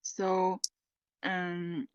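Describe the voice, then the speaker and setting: A woman learning English who answers practice questions hesitantly, with many fillers and pauses. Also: lowish voice, completely flat delivery, clean tone, no echo, highs cut off. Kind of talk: speaking test practice answers.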